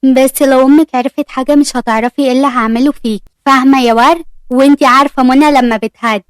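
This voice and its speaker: A woman playing a sassy, teasing Egyptian young woman who is smitten. Her lines are high and quick, recorded dry. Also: fairly even intonation, dry recording, natural voice.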